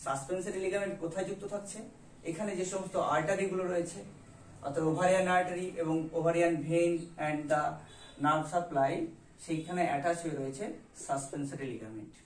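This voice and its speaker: A man's voice: fairly high pitch, steady tone, fairly quick, a little hiss or hum. A man teaching biology over a diagram, asking and answering his own questions and mixing English terms into his explanation. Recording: roomy echo, voice from a distance.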